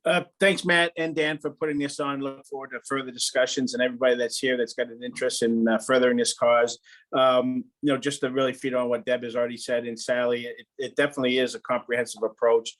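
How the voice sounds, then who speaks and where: A man, a local housing official speaking on a panel, plain-spoken and steady, with a mild exasperation. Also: medium pitch, quick pace. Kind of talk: panel discussion remarks.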